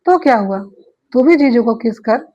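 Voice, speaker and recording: A woman's voice: fairly high pitch, lively intonation, moderate pace, dark tone, highs cut off. A woman voicing a bold, teasing young woman who coaxes her friend in a read-aloud story. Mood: coaxing. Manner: teasing, coaxing.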